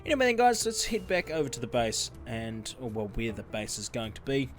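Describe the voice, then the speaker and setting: Man with a lively, bouncy voice. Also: mid-range voice, normal speed, faint music behind. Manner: rambling and self-interrupting, with chuckles. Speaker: gaming YouTuber. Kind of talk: casual gameplay commentary.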